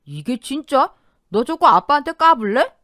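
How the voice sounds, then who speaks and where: A woman voicing a greedy, quick-tempered middle-aged father who shouts and demands money in an audio drama. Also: mid-range voice, expressive, no echo, clean studio sound, pitched above the performer's own voice, lightly acted. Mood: angry.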